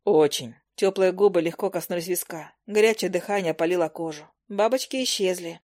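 Female audiobook narrator, first person, measured, even delivery. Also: lowish voice.

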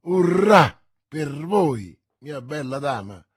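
A man's voice: on the high side, normal speed, darkish tone, pitched above the performer's own voice, lightly acted. A man voicing a jovial, mercenary sea captain in an audiobook reading, hearty in manner.

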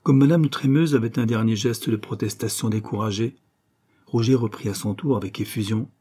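Low-voiced man narrating an audiobook. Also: fairly quick, dark tone, breathy edge.

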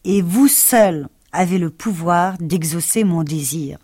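Cowardly male lion, read by a woman, pleading, higher pitched, raised volume, storybook radio reading. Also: slow pace, darkish tone, husky, no echo, studio quality.

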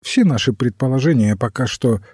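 A man voicing a calm, thoughtful middle-aged priest detective who reasons quietly in an audiobook. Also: medium pitch, brisk, slightly rough, no echo, clean studio sound. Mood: musing. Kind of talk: audiobook character reading.

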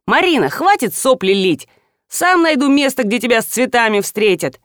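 A woman reading the part of a bossy retired colonel who barks commands, in her own lively voice. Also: extremely high pitch, normal speed, clean tone, dry recording, clean studio sound, pitched above the performer's own voice, full character voice. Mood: commanding.

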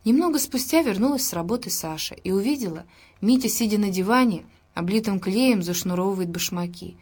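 A woman narrating an audiobook in a calm, even reading. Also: medium pitch, brisk, slightly rough.

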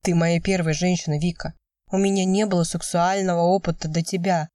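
A woman's voice: fairly low pitch, steady tone, brisk, warm tone, no echo, studio quality, distant mic, close to an everyday voice. A woman voicing a young man who is hurt and ashamed, asking blunt, tense questions.

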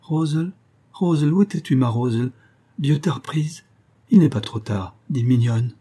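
A man's voice: medium pitch, normal speed, mellow, slightly rough. A man reading an audiobook, voicing a frantic old woman innkeeper who pleads between sobs. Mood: tender. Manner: pleading, sobbing outbursts.

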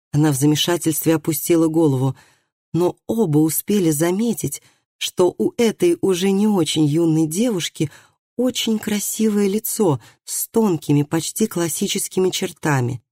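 A narrator reading an audiobook story in an even, measured way. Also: mid-range voice, dry recording, clean studio sound. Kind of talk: scripted narration.

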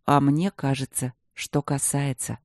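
A narrator playing a loyal, devoted male guard captain who speaks slowly and earnestly. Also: mid-range voice, level tone, no room sound, studio quality, close to an everyday voice.

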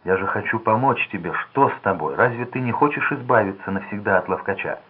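A man's voice: on the low side, brisk, breathy edge. A man voicing a nervous small-time crook, urgent and edgy, in a tinny lo-fi recording. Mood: exasperated. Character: anxious small-time male crook, young. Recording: tinny phone-like lo-fi sound.

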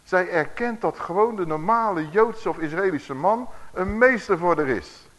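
A man preaching a sermon. His voice sits a little high and moves lively up and down. He reads verses slowly and keeps turning to his listeners with questions. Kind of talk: sermon with Bible reading.

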